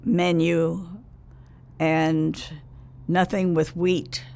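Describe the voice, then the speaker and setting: A very old woman in her nineties reminiscing in a casual interview, speaking haltingly in short phrases with pauses mid-sentence. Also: on the low side, flat delivery, a little mellow, slight background noise. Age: 90s. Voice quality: very old woman's gravelly, creaky voice.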